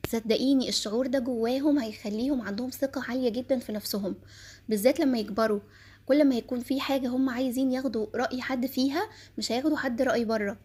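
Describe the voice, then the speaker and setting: A woman's voice: on the high side, darkish tone, husky. A woman with an Egyptian accent giving earnest parenting advice, speaking directly to mothers. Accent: Egyptian Arabic.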